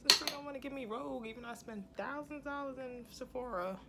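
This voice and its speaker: Giggly, tipsy woman with creaky voice. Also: high-pitched, quick pace. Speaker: beauty vlogger. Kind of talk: casual makeup tutorial chat. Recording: noisy room ambience behind voice.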